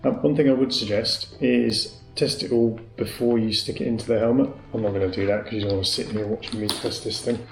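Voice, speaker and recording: Working through a product demonstration indoors at home, this motorcycle gear reviewer talks in a casual, chatty, matter-of-fact way, thinking out loud. The British man's voice sits on the low side, with fairly even intonation, a slightly quick pace, vocal fry and few pauses. Faint clicks and noise echo around the room.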